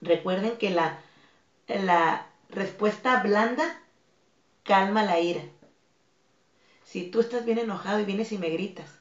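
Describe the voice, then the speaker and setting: A Mexican woman with a Mexican Spanish accent, speaking as a guest in a podcast interview, earnest and firm, softening her voice when she acts out calm replies. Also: mid-range voice, unhurried, long pauses. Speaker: guest, dance academy founder. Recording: echoey, dull lo-fi room.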